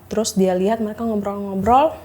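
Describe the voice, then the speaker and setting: Woman, thirties, hesitant, halting, emotional testimony, interview guest. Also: mid-range voice, steady tone, a little mellow. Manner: hesitant, many fillers, quotes doctors in dialogue. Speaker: guest sharing her story.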